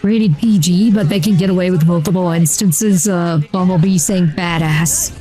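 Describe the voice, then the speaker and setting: At a normal speed and in a mid-range voice altered by a voice changer, a streamer casually narrates a video game session with soft music behind. The talk wanders in a relaxed way, full of "uh" and "like" fillers.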